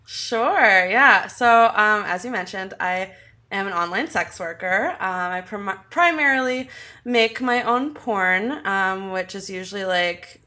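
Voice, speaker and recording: A young woman talks as a podcast guest in a loose, casual way, packing her sentences with "like" and "um". She laughs often, and her voice is bright and forward. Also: medium pitch, takes it slowly. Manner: giggly, filler-heavy. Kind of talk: casual interview chat.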